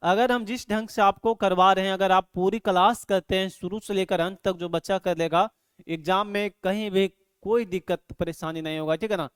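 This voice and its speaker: A man teaching an online grammar lesson, asking his students questions over and over and loudly sounding out syllables for them to repeat. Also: high-pitched, steady tone, moderate pace, clean tone, no room sound, clean studio sound. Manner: repeats "ठीक है" and quizzes students constantly; drills syllables aloud, louder on examples. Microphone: microphone.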